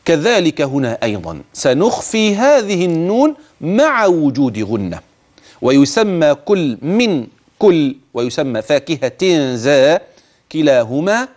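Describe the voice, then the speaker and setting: A man teaching the rules of Quran recitation. He speaks straight to the listener, urges attention, and slowly stretches words to demonstrate how they should be pronounced. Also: on the high side, darkish tone. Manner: addresses the listener directly, urging attention. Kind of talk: tajweed lesson with recited examples.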